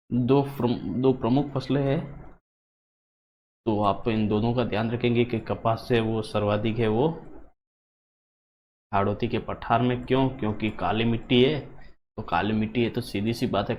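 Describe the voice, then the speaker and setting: A man's voice: fairly low pitch, darkish tone. A man teaching who quizzes his class. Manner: repeats points as questions to the class. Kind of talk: exam-prep geography lesson. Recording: dull lo-fi sound, faint hum.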